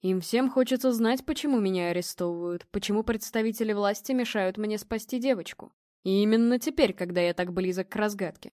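A woman's voice: mid-range voice, a little fast, a little mellow, no echo, studio quality, close to an everyday voice. A woman voicing a confident, imposing male medium who speaks weightily and commandingly, in a storybook reading.

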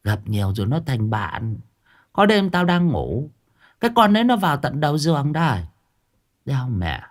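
A defiant old village woman curses with scorn and fears nothing, as a male storyteller puts her on. Her voice swings widely in pitch. She lives alone and talks coarsely. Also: very animated, moderate pace, lightly acted. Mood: boastful. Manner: coarse, scornful, swearing boldly.

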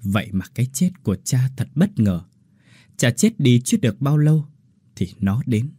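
A man narrating a horror story in a dramatic, expressive way. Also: medium pitch, normal speed, slightly rough, no echo, clean studio sound.

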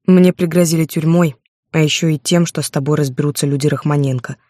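A woman's voice: steady tone, a little fast, warm tone, dry recording, studio quality. A woman reading a blunt, remorseful lover. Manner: curt, low-voiced. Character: remorseful adult man, lover, quiet and blunt.

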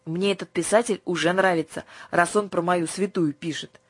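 A woman doing a squeaky stubborn little girl, argues back, audiobook voice, husky edge. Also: steady tone, no room sound. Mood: cheerful. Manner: indignant, quick to argue. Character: spirited, touchy little girl shopping for books. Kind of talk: audiobook character voice.

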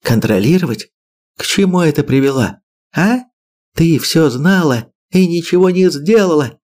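A man reading an audiobook, voicing a stern middle-aged father with a forceful raised voice. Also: on the high side, expressive, moderate pace, pitched above the performer's own voice, lightly acted. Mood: arguing.

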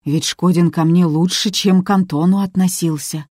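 A woman's voice: on the low side, steady tone, moderate pace, darkish tone, no echo, clean studio sound, lightly acted. A woman voicing a young male house manager who asks hesitant, hurt questions. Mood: bewildered.

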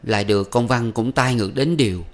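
A man's voice: medium pitch, a little fast, pitched above the performer's own voice, close to an everyday voice. A man reading aloud and voicing a young married daughter who sobs and complains plaintively. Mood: tearful. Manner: sobbing, plaintive.

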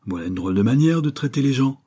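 A man's voice: mid-range voice, lively intonation, a little fast, dark tone, breathy edge, pitched above the performer's own voice. A man voicing a stubborn, wheezing old male sailor in an audiobook reading. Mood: grumpy stubborn. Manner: grumbling, obstinate.

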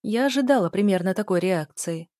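A woman narrating a novel in the first person, in a calm, even reading voice on a close mic. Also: mid-range voice, brisk, no echo. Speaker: audiobook narrator.

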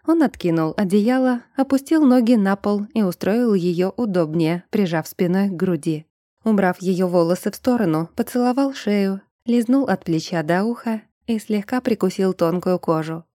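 Female audiobook narrator, mellow and dark tone, measured pacing, dry close sound. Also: medium pitch, dry recording. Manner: even, measured storytelling. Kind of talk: scripted narration of a novel.

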